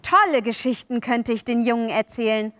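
An excitable young girl from a storybook, as a woman reader puts her on. She gushes and pleads in a very high, bright voice, her words tumbling out with wonder. The sound is close and dry. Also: measured pace, dry recording. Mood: excited. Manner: excited, high-pitched exclamations.

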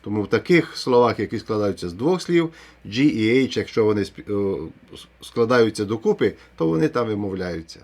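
Male teacher for a video lesson, explains rules clearly and sounds out example words. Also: fairly low pitch, expressive, a little fast, a little mellow. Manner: explains step by step, pronouncing English example words. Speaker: English pronunciation teacher.

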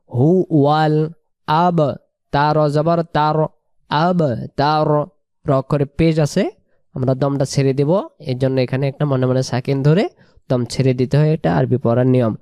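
A man teaching Quran pronunciation, spelling out letters and vowels one by one and repeating each word slowly. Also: on the high side, a little mellow, smooth, no room sound.

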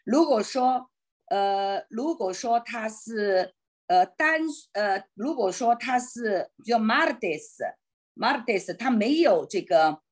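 A woman teaching an online Spanish class in Chinese on a video call, thinking aloud and hesitating, slowing down on Spanish words. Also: fairly high pitch, lively intonation, darkish tone.

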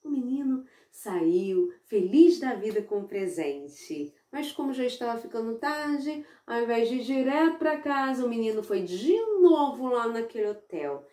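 A woman narrating a children's story in an animated, sing-song, playful way. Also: on the high side, a little slow, hardly any pauses. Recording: roomy echo.

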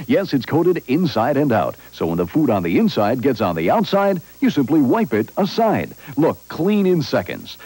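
A man's voice: mid-range voice, mellow, slightly rough, no room sound, rough recording. A man reading a hard-sell TV ad voice-over as an infomercial announcer, with an emphatic, punchy salesman delivery.

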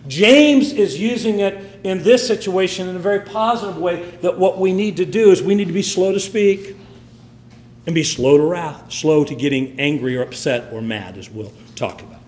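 A man's voice: sits high, normal speed, a little mellow, reverberant, slight background noise. A man preaching a sermon with emphatic, swinging delivery. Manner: emphatic, rising and falling delivery.

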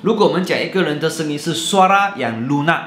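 Male teacher, bright and very expressive delivery, recorded in a roomy space. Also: a little high, fast talker, a little hiss or hum. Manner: animated and jokey, mixing in English and Malay words. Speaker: language teacher. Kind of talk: playful video lesson. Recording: roomy echo.

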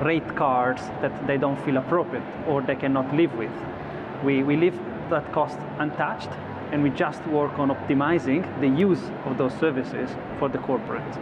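Unhurried, with a medium pitch and fairly even intonation, an executive guest in his thirties is interviewed at a trade show studio set on the convention floor. He thinks his way through answers, restarting often and using fillers. The audio is slightly dull with clear background noise.

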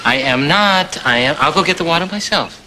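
An actor playing a touchy young nursery-rhyme husband in a TV musical comedy, arguing defensively. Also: male voice, on the high side, expressive, fairly quick, sharp tone, a little hiss or hum. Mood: bickering. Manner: defensive, bickering. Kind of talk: live-action TV musical comedy acting.

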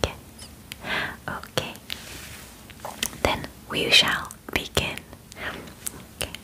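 Soft, breathy whispering comes from a woman in her twenties roleplaying a formal, polite female alien examiner in ASMR style. She is measured and gentle, hesitating between formal phrases with short pauses. It was recorded in a small bedroom, and the quality is low.

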